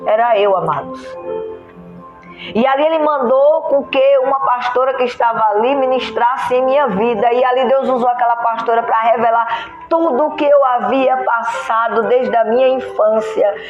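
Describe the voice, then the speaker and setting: A woman pastor delivers a heartfelt testimony, moved and earnest, and acts out the conversations she recalls. The sound is muffled and lo-fi. Her voice rings around a roomy church, with soft music underneath. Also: a little high, normal speed. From Brazil. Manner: earnest storytelling, acting out remembered dialogue. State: moved, voice heavy with emotion. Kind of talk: emotional testimony sermon.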